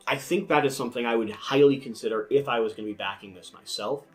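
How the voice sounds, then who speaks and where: Male host, mid pitch, lisped and drawn-out snaky s, casual review chat over faint music. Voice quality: lisp with drawn-out, hissy snake-like s. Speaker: host and board game reviewer.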